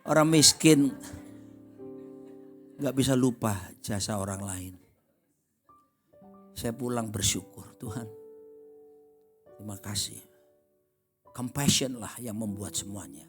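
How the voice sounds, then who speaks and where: A middle-aged man, a pastor, preaching a sermon with animated storytelling and acting out voices in the dialogue. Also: medium pitch, slow pace, long pauses, soft background music.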